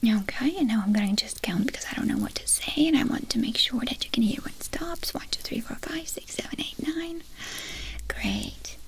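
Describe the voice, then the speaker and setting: A woman whispering a fast, brisk ASMR whispered role-play as a medical examiner, giving short instructions and questions. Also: fairly high pitch, huge pitch swings, husky, rough recording.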